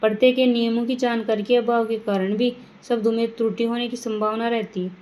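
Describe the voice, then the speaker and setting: A woman teaching a grammar lesson, reading words one by one and adding quick reminders to her students. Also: fairly high pitch, steady tone, darkish tone, low-quality recording. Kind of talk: classroom lesson reading word lists.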